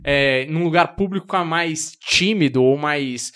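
A Brazilian man with a notably high voice leads the conversation. He asks probing, curious questions in a loose, slangy way. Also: unhurried, a bit bright, clear, resonant tone. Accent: Brazilian Portuguese. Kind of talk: casual interview chat.

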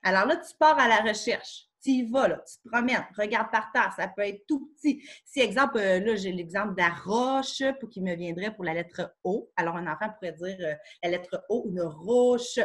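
A Québécois woman guest on a podcast walks listeners through simple exercises, her voice sitting at an everyday middle pitch. She speaks casually with fillers and a spirited, teacherly way of laying things out step by step. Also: moderate pace, few pauses. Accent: Québécois French. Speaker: children's yoga educator in schools. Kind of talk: explanatory podcast chat. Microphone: studio microphone.

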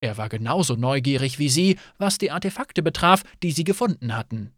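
Man narrating a fantasy audiobook, animated pitch, dry close studio sound. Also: fairly quick, dry recording. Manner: animated, expressive reading.

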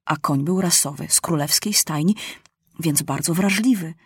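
A woman narrating a children's storybook with a lively, expressive reading. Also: sits low, normal speed, slightly rough, no echo.

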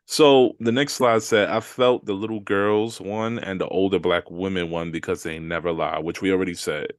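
A man's voice: deep voice, steady tone, normal speed, dry recording, studio quality. A man co-hosting a podcast, talking in a laid-back slangy way and reading listener comments aloud. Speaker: podcast co-host. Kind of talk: casual chat.

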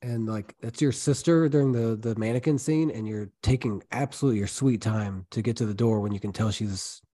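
A man co-hosting a casual movie review podcast, animated and joking as he rants about characters' dumb choices. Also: fairly low pitch, brisk. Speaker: podcast co-host.

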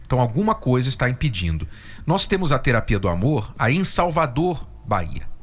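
A man hosting a radio advice show, earnest and direct, repeating key details slowly. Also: medium pitch, sing-song.

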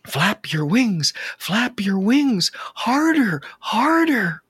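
A man voicing a frantic mother bird pleading with her chicks in a husky, raised voice. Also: high voice, sing-song, extremely slow, no echo, clean studio sound, voice pushed up, exaggerated voice. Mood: urgent. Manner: urgent pleading shouts.

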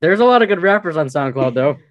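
A man's voice: fairly high pitch, animated, fast, dry recording, lo-fi sound. Joking young man saying "dude" a lot. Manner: laid-back, joking, says "dude" often. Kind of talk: casual chat.

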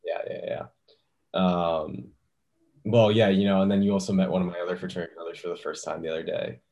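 Deep-voiced young man chatting casually. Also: level tone, fairly quick, vocal fry, a little mellow, dull audio. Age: young adult. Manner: easygoing, many fillers and restarts. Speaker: podcast host. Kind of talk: casual chat.

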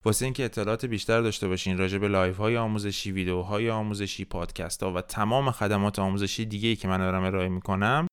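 A man hosting a podcast language lesson, explaining steadily and repeating example sentences slowly and clearly. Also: on the low side. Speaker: French teacher, podcast host.

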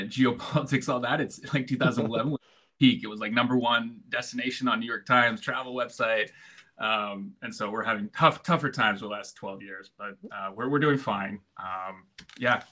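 This middle-aged American man has a lowish, bright and forceful voice. He's a guest in a casual conversation at his home in Istanbul, laid-back, chuckling often and restarting his sentences a lot.

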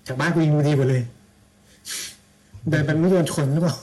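A man's voice: on the high side, steady tone, brisk, darkish tone, poor audio. A man in casual chat, blunt and slangy, with mocking asides.

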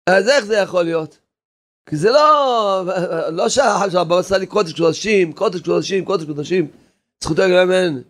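A rabbi preaching a fervent sermon, repeating phrases and urging his listeners, sometimes shouting. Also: high-pitched. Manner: impassioned, repetitive exhortation, sometimes shouting.

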